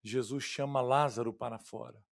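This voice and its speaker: Gravelly and medium-pitched, this pastor's voice keeps fairly even intonation at a moderate pace. Speaking with a Brazilian Portuguese accent, he moves from loud emphasis to hushed quiet in his expository sermon, addressing the congregation as "queridos" and "irmãos."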